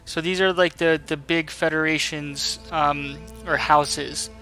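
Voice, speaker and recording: A man casually commentates on his video game playthrough, musing aloud as he goes. His voice is bright and slightly high, with faint music in the background. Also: fairly even intonation, slow pace, poor audio. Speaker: gamer, video host.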